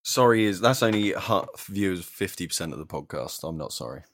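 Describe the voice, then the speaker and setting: A man's voice: low voice, animated, a little fast, a bit bright, no echo, clean studio sound. A man co-hosting a casual podcast, teasing his friend and telling stories in a playful, rambling way. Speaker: podcast co-host. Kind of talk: casual chat.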